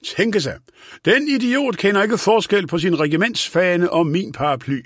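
Guy doing a cranky forgetful old lawyer, high fussy voice, dry close sound. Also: a bit bright, dry recording. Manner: querulous, scolding, raised voice. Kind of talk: audiobook character voice.

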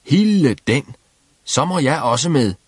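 A man voicing a cheerful, simple-minded young peasant who shouts merrily. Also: medium pitch, sing-song, breathy edge, no echo, clean studio sound, pitched above the performer's own voice. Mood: eager.

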